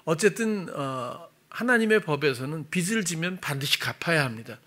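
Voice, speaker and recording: A middle-aged male pastor preaching a sermon in a conversational way, working through sums aloud with fillers and self-corrections, rising louder on key points and dropping soft again. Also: expressive, moderate pace. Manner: swells louder and higher on key gospel points, then drops soft.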